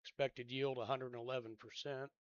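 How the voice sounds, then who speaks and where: A man's voice: medium pitch, little pitch movement, a little fast, no echo, lo-fi sound. Laid-back man rambling over dry gameplay. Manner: rambling, thinks out loud with trailing-off asides; laid-back and drowsy, yawns. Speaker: gameplay commentator. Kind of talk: casual game commentary.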